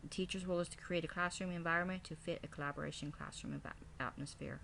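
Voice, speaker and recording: Female teacher, low voice, scripted classroom presentation delivered item by item, slightly noisy home-made recording. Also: steady tone, fast, gravelly, a bit bright. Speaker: kindergarten teacher. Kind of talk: scripted presentation, reading out a lesson plan.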